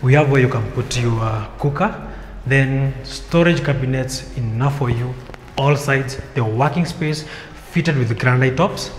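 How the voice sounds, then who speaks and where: A young man from Kenya walks through an empty apartment and shows it off room by room. His voice rings off the bare walls with a long, echoing tail. Loud music plays underneath him. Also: mid-range voice, unhurried. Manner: guiding, pointing out features as he walks. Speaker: house tour vlogger. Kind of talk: walking house tour guide. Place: empty apartment rooms, indoors. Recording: echoey empty rooms with music. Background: music bed under the voice.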